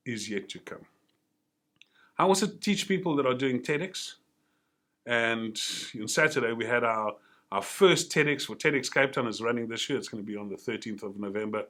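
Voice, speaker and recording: A man's voice: medium pitch, a bit bright. A man giving an earnest, encouraging motivational talk to teachers and telling stories along the way. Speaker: motivational speaker.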